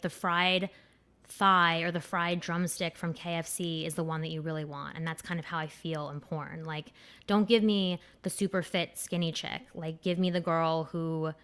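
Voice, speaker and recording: A young woman hosts her podcast in loose, candid chat, swearing freely and wandering off on tangents. Her voice sits a little low and sounds smooth and clear. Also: fairly bright tone. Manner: candid, crude and rambling, with many fillers. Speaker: podcast host. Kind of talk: casual chat.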